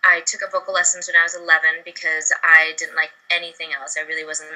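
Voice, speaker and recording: A woman's voice: deep voice, little pitch movement, quick pace, bright, forceful tone, poor audio. A young woman from Barbados, a singer chatting upbeat and casually in an interview over a video call, with many fillers. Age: young adult.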